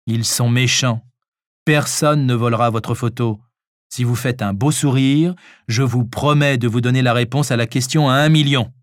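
A man's voice: medium pitch, steady tone, normal speed, no room sound, natural voice. A man voicing a wry doctor. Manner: dry teasing. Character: wry, playful male doctor.

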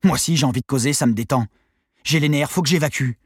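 A man voicing a brash, foul-mouthed teenage girl who shouts and rants in a high, raised voice. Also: fast, breathy edge, no room sound, clean studio sound, lightly acted. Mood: nervy ranting. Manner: shouting, loud and pushy.

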